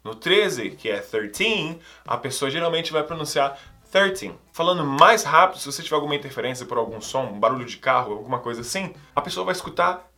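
A man teaching English numbers, drilling words with energetic emphasis and repetition. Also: medium pitch, fast talker, few pauses. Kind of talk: language lesson.

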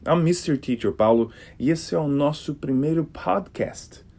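An English teacher from Brasília, a man with a Brasília Portuguese accent, hosting an energetic podcast lesson. His voice sits a little high, with a gravelly, husky edge. He demonstrates sounds with exaggerated, animated delivery. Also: a little slow. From Brasília, Brazil.

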